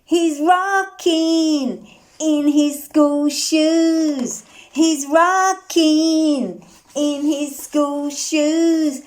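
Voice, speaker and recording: It's a high-pitched, very slow reading of a picture book for young kids. The woman keeps it animated and sing-song, putting questions to the children and breaking into song at the refrains.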